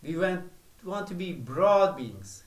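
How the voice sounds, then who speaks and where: Preaching with deliberate slowness and long gaps between phrases, a male spiritual teacher speaks in a sing-song voice somewhat high for a man. Echo fills the room.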